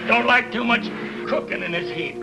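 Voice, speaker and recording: An actor playing a blunt, terse building manager in a 1950s TV drama. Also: male voice, very high-pitched, normal speed. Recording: old TV soundtrack with loud music score.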